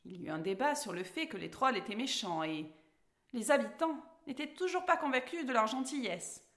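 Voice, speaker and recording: A woman reading a children's story aloud, expressive and lively. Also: a little high, moderate pace.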